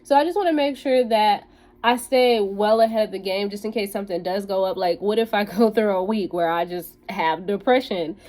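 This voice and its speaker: A woman's voice: medium pitch, moderate pace, a little mellow. A woman talking casually to her viewers in a rambling vlog, full of "like" and "um". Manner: rambling, filler-heavy talk with frequent "like" and "um". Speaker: bootcamp student vlogger.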